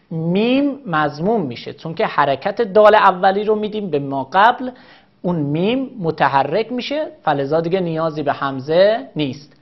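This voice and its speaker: A woman gives a methodical grammar lesson in a fairly low voice. She repeats every example slowly and patiently. The recording sounds dull and lo-fi. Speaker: teacher.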